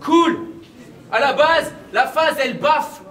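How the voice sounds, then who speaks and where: A man's voice: very high-pitched, takes it slowly, fairly bright tone. A man performing a cappella battle rap at a live event, delivering brash, mocking punchlines. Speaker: battle rapper. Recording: echoey venue, distant mic, crowd noise. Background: crowd reactions and laughter.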